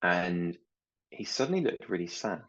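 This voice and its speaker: A low-voiced middle-aged man with a husky edge, speaking as a mindset coach. He talks in a slow, gentle, reflective way, and the recording sounds slightly dull. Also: sing-song. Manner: slow, gentle and reflective, with anecdotes about his children. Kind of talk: reflective talk to camera.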